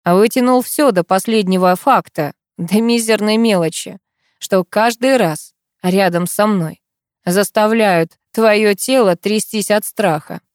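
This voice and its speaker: A woman's voice: medium pitch, unhurried, no room sound, clean studio sound, lightly acted. A woman voicing a stern, intense male army colonel in an audiobook, speaking firmly and insistently. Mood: menacing. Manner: firm, clipped, insistent. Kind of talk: audiobook character voice.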